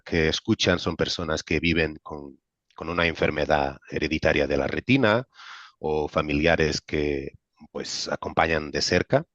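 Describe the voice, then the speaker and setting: A man with an extremely low, slightly bright voice and a non-native accent presents an informal, explanatory webinar in Spanish as a medical director. His speech is halting, with many pauses and repeated words, and the recording sounds dull and roomy.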